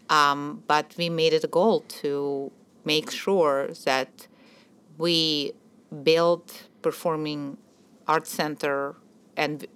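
A middle-aged woman from Ukraine and Belarus, a theater producer, appears as a guest on a radio interview. Her low voice is slightly bright and clean in tone. She hesitates often, with many fillers and restarts.

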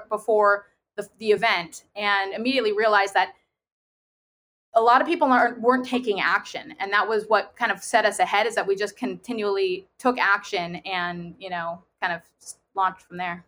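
A woman's voice: mid-range voice, fairly even intonation, brisk, a bit bright. A woman speaking as an interview guest, recounting her experiences in a casual, conversational way. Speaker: podcast guest, online seller.

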